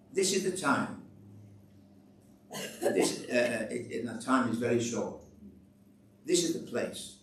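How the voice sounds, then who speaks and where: A man giving a church talk, chatty and storytelling, re-enacting conversations and urging listeners on. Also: mid-range voice. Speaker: church speaker giving testimony. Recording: roomy echo, distant mic, faint ambience.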